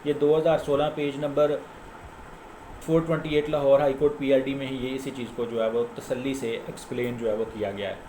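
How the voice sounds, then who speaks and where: A lawyer with a Pakistani accent gives a casual explanatory lecture citing case law, his medium-pitched voice steady, mellow and brisk. He teaches methodically, repeating key points for emphasis, while the echoey room carries faint background noise.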